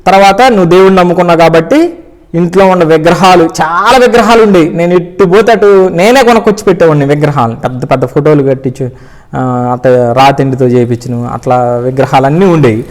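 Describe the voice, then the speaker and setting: Earnest middle-aged man, higher-pitched. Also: fast talker. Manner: earnest storytelling, re-enacting pleading prayers. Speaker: church member giving testimony. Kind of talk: personal faith testimony.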